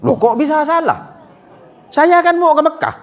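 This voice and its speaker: A man's voice: very high voice, animated, normal speed, voice pushed up. A man voicing a stubborn old male villager with a Madurese accent, who argues and will not give way. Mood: insistent. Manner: insistent, argumentative.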